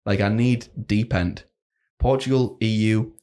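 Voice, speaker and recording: A man's voice: lowish voice, steady tone, measured pace, a little mellow. A young man co-hosting a casual podcast, laughing often and swearing freely. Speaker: podcast co-host. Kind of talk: casual banter.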